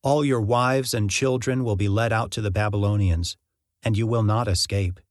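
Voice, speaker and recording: A man voicing the prophet Jeremiah, an older man delivering measured, solemn warnings in a plain reading voice. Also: on the low side, fairly even intonation, no room sound, clean studio sound, close to an everyday voice.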